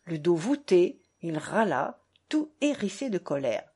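A woman narrating a novel as an audiobook in a measured, even storytelling manner. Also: on the low side, breathy edge. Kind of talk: audiobook reading.

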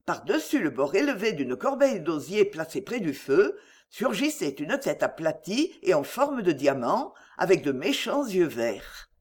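A narrator reading a novel aloud in a measured, expressive storytelling voice. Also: mid-range voice, breathy edge.

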